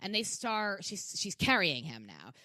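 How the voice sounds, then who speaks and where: A woman's voice: medium pitch, unhurried, no echo. A young adult woman, a podcast guest, telling a rambling story in casual chat, full of fillers and swearing. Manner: animated, profane, rambling with many fillers.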